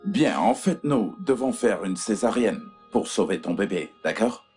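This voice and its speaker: A man playing a serious hospital doctor in a dubbed film, explaining things slowly and patiently. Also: lowish voice, animated, a little mellow, faint music behind. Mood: grave. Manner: measured, explaining.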